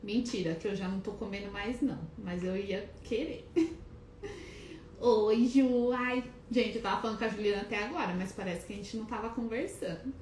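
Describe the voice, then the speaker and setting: A woman's voice: medium pitch, normal speed, darkish tone. A woman hosting a casual live stream from her clinic, chatty and a little nervous, greeting viewers by name with many hesitant restarts. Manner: calls herself shy and nervous. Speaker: wellness live-stream host. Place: clinic office, indoors. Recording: echoey room, faint background noise.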